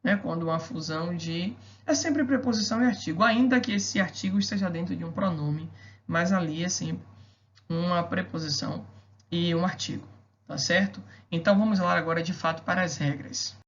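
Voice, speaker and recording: A woman with a fairly low voice teaches a recorded grammar lesson. She explains each rule patiently and keeps checking in with the listener through quick rhetorical questions. The recording is dull and somewhat lo-fi.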